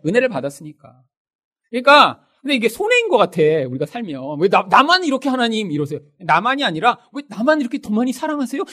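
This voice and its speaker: Animated Korean pastor preaching. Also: male voice, sits high. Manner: animated, conversational preaching with acted quotes. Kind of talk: sermon.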